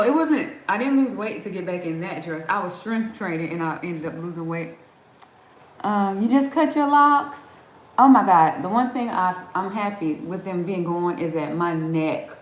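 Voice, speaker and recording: A middle-aged woman hosts a casual livestream, chatting and reading out viewer comments to answer them, laughing often and restarting her sentences. Her voice is medium-pitched with a little hiss or hum, and the recording has a roomy echo and faint background ambience.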